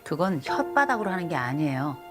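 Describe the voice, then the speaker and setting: A woman's voice: deep voice, sing-song, brisk. A middle-aged woman counseling a couple on TV, lecturing firmly and scolding. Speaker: marriage counselor. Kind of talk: TV counseling session. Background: background music.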